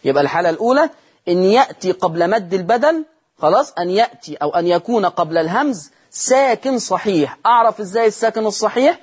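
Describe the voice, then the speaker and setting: A man's voice: high voice, lively intonation, fast talker, slightly rough. A man with an Egyptian accent teaching Quran recitation rules on a TV lesson, repeating key terms and answering his own questions. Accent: Egyptian Arabic.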